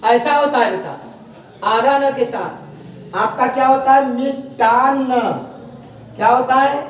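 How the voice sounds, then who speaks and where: A man teaching a spelling lesson, slowly drawing out each word and asking his students to repeat it. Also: very high-pitched. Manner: slow, drawn-out repetition of words, often asks students back. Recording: echoey room from far off, faint noise.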